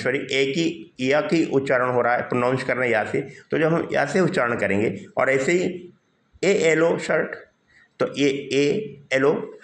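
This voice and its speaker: A male English teacher gives a classroom grammar lesson in Hindi, his mid-pitched voice rising and falling a lot. He goes through each point step by step, asking students questions and answering them himself, and the recording has a noticeable roomy echo.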